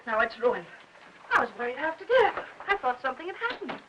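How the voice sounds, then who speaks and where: A meddling older aunt who rambles on and fusses over everyone. Her voice sits high and sounds bright and sharp. She speaks in the manner of a 1950s film. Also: very animated, fairly quick, muffled recording, a little hiss or hum. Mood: fussing chatter. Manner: rambling, prying, fussing talk. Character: fussy chattering older aunt, busybody.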